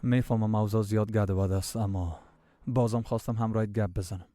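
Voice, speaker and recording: Dub role: a man playing a serious, level-headed man with a low voice, lecturing. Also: steady tone, mellow, dry recording, close to an everyday voice. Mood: stern. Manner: measured, lecturing. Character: stern man delivering a warning, patient then insulted.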